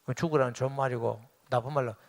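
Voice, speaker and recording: A man's voice: mid-range voice, fairly even intonation, fast talker. A middle-aged man, preaching a sermon as pastor and acting out quoted dialogue with rising emphasis.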